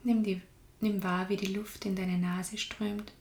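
A woman guiding a meditation in a calm, soft-spoken way, often sinking into a whisper. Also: mid-range voice, a little slow, roomy sound. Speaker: meditation guide. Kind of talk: guided meditation.

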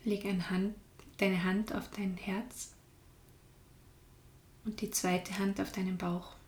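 Calm lady leading a meditation, flat soothing tone, some whispering, echoey room. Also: mid-range voice. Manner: slow, calm, soft-spoken, drifts into whispers. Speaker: meditation guide. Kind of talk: guided meditation.

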